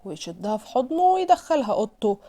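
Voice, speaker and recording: A woman with an Egyptian Arabic accent narrating a drama recap in a brisk, chatty way. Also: a little high, sing-song, dark tone.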